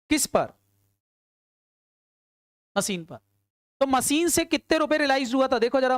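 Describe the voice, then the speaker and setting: A woman teacher runs an accounts lesson, pressing her students for fast answers and then supplying them herself. Her voice sits a little high and comes across smooth and resonant. The recording is close and dry, with no room sound. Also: dry recording. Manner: quizzing students, answering her own questions; urging quick answers. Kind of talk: classroom lecture.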